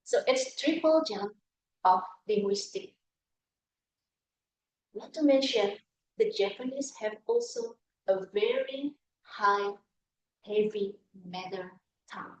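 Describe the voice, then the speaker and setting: A middle-aged Indonesian woman with a mid-range voice tells self-mocking stories in a prepared, funny speech at a speaking club, taking a slow pace and pausing often. The meeting room echoes, and she was recorded from a distance.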